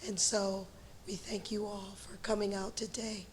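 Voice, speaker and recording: A hoarse woman pastor giving a brief, gracious acceptance speech. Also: mid-range voice, little pitch movement, a little slow, slight background noise, poor audio.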